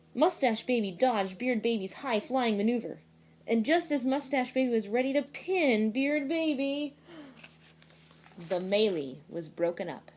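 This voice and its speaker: Expressive woman teacher reading aloud. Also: a little high, slight background noise. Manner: expressive storytelling with asides explaining words. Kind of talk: reading a picture book aloud to students.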